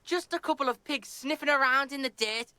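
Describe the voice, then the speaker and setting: A woman's voice: high-pitched, a little fast, sharp tone. A woman voicing a swearing, hostile twelve-year-old boy who speaks of himself in the third person, in a video game. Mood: belligerent.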